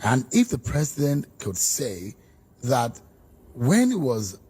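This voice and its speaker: A man's voice: mid-range voice, huge pitch swings, takes it slowly, dark tone, slightly rough. A man hosting a political interview, pressing his guest with probing, challenging questions.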